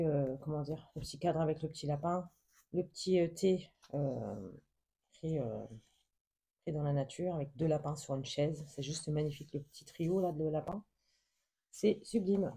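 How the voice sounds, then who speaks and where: A woman leafs through a craft haul in a casual vlog, talking softly and hesitantly with many fillers. Her voice is very dark and mellow, with a husky, breathy grain. She gushes over every small detail. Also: deep voice. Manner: soft, hesitant, many fillers, gushing with endless diminutives. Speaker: craft vlogger. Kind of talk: casual show-and-tell of a book haul.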